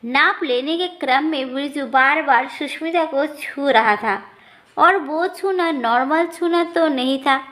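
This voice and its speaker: A woman narrating a moral family story in a steady storytelling manner. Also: high-pitched. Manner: slow, even storytelling.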